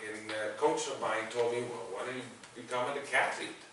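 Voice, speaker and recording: A Salvadoran man in his forties, a sports broadcaster, speaks English with a Salvadoran Spanish accent as a guest speaker, giving a self-deprecating, conversational talk to university students. His mid-range voice is fairly quick with fairly even intonation. A distant mic picks him up in an echoey classroom with faint noise.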